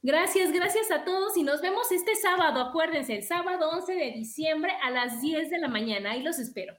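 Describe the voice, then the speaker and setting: A woman's voice: high voice, animated, moderate pace, a bit bright, echoey room. A woman hosting a talk show, speaking with enthusiasm and emphatic repetition. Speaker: show host. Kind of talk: radio-style talk show.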